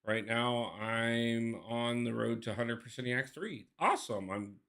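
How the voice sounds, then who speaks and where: A man's voice: medium pitch, unhurried, gravelly, fairly bright tone. A man live-streaming a mobile game, chatting casually, thinking aloud and greeting his viewers by name.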